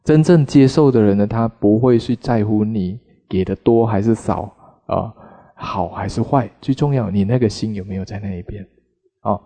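A man, a Buddhist monk, giving a sermon in an animated storytelling manner with frequent filler particles. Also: on the low side, normal speed.

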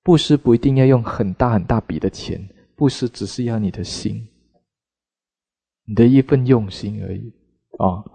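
A man, a Buddhist monk, giving a sermon in an animated storytelling manner with frequent filler particles. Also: medium pitch, normal speed, vocal fry, breathy edge.

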